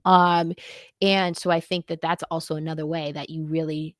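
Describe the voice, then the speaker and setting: A woman co-hosts a candid, casual conversation, her voice sitting notably low for a woman. She speaks earnestly and reflectively, with loose, easygoing phrasing. The sound is close and dry, with no room echo. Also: flat delivery, moderate pace. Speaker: podcast co-host. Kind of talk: candid casual chat about marriage.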